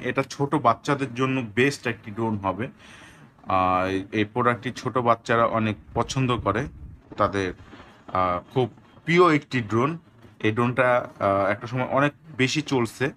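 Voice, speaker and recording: A man from Bangladesh selling drones, giving a slow, deliberate product demo with a lot of repetition. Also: medium pitch, sharp tone, slight background noise. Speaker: drone seller.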